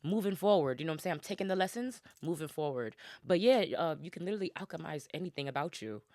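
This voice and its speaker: A woman with a strong swing in her pitch and a Brooklyn accent talks casually on a podcast. She is slangy and self-assured, pressing her points emphatically and checking that the listener follows. The sound is dry and close. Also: expressive, quick pace, darkish tone, dry recording. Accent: Brooklyn, New York. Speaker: podcast guest, dominatrix.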